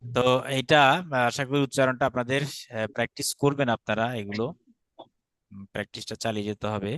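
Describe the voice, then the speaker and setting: A patient Bangladeshi man teaches an online grammar class. He speaks at an ordinary middle pitch, sounds out letters slowly for his students to repeat, and drops English words into his explanations. The recording is dry and close, with no room sound. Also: fairly bright tone, clear, resonant tone, no room sound. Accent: Bangladeshi Bengali. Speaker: Sanskrit teacher.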